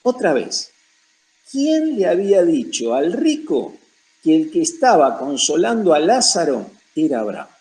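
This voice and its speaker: High-voiced Argentine man teaching the Bible. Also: wildly swooping pitch, a little slow, darkish tone, low-quality recording. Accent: Rioplatense Argentine. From Buenos Aires province, Argentina. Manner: emphatic, lists points one after another.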